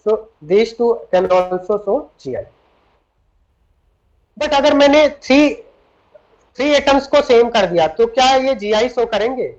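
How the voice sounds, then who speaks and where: A man's voice: extremely high pitch, expressive, slow pace, pauses often. A man teaching chemistry in a lecture, switching between Hindi and English, explaining step by step and often asking his students questions. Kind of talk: classroom lecture. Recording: dull lo-fi recording.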